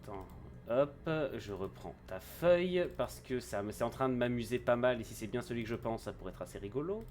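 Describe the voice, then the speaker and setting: A man's voice: mid-range voice, lively intonation, a little fast, hardly any pauses, darkish tone, slight background noise. A man running a tabletop role-playing game as game master, improvising the narration and feeling for his words. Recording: music behind the voice.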